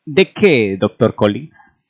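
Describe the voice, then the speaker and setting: A man's voice: mid-range voice, expressive, normal speed, no room sound, natural voice. A man reading aloud and voicing a stern, irritable army major who talks in an impatient, commanding way. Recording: dull lo-fi recording.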